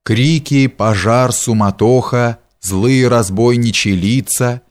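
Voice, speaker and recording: A man reading a story aloud in measured, deliberate audiobook narration. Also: medium pitch. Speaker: audiobook reader.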